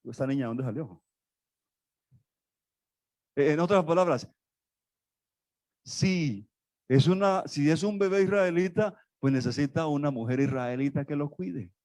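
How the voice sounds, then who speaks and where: A man's voice: fairly high pitch, expressive, unhurried, pauses often, a little mellow, dry recording. Emphatic man preaching a sermon. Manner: emphatic, repetitive, talks straight to the congregation. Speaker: pastor.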